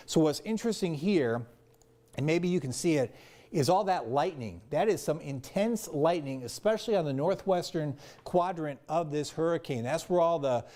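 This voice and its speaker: A man's voice: medium pitch, warm tone. A man presenting live weather commentary, explaining things step by step in an unscripted way.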